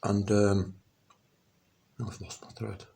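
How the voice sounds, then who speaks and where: This middle-aged vlogger from England has a lowish, dark voice with vocal fry and a flat delivery as he rambles to camera about personal things. Many ums and restarts give way to emphatic bursts.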